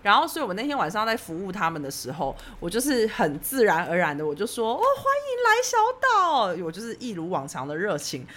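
Lively fast-talking woman telling a story. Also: on the low side. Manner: animated storytelling, acting out her own past lines. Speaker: podcast host telling a story. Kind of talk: casual chat.

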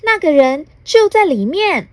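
A tiny, chirpy storybook elf with a squeaky voice pitched far above the reader's own, as a mother puts him on while reading aloud. He teases with a bright, playful bounce and lively rises and falls. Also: measured pace, no echo, exaggerated voice. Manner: chirpy, teasing.

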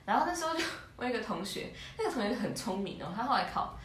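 A young woman tells school memories in a rapid, animated chat, giggling along the way. Her voice is bright, fairly high and swings widely in pitch. The room adds a clear echo. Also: a little hiss or hum. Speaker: podcast co-host. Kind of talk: casual chat, storytelling. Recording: roomy echo.

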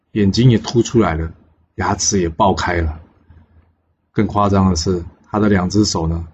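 A man narrating a legend as a storyteller, lively and with many pause fillers. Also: sits low. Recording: dull lo-fi with faint hiss.

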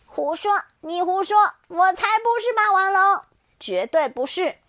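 A woman's voice: very high-pitched, unhurried, no room sound, clean studio sound, pitched above the performer's own voice. A woman voicing a frightened young dinosaur child who protests insistently in a storybook tale. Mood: protesting. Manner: protesting shrilly.

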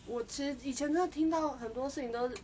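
Young woman co-host, fairly high voice, thoughtful and halting, faint noise behind. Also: mellow. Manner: reflective, hesitant, with frequent restarts. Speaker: podcast co-host. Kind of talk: casual chat.

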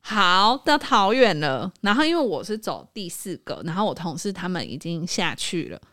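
A woman with a Taiwanese Mandarin accent, hosting a podcast and telling a story in casual chat, animated and laughing often. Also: on the low side, moderate pace. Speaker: podcast host.

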